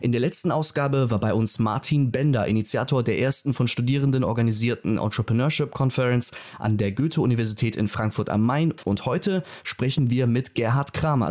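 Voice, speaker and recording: Male presenter for a scripted podcast opening, average-pitched voice. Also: a little mellow. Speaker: podcast host.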